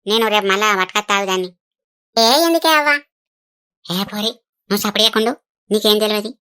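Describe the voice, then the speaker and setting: A woman voicing a suspicious, scolding grandmother with a Telangana accent, loud and prying. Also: mid-range voice, brisk, clean tone, voice pushed down, lightly acted. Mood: bossy.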